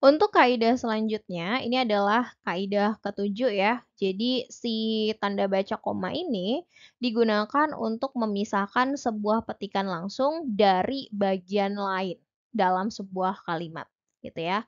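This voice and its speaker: A woman's voice: mid-range voice, unhurried, muffled recording. A young woman tutor giving an exam-prep lesson, explaining each point step by step in a chatty way with many fillers.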